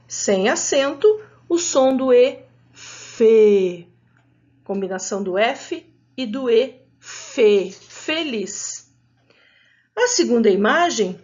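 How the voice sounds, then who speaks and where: Slow, patient Brazilian woman teacher. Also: high voice, muffled recording. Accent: Brazilian Portuguese. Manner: patient, addresses students directly, spells out sounds. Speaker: adult education teacher. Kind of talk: slow, clearly articulated classroom lesson.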